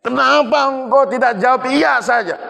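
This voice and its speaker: A man's voice: very high voice, animated, fairly quick, gravelly, bright, forceful tone, voice pushed up, heavily acted. A man voicing an impassioned older caliph who rebukes his messenger with pleading questions. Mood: rebuking. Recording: echoey mosque hall.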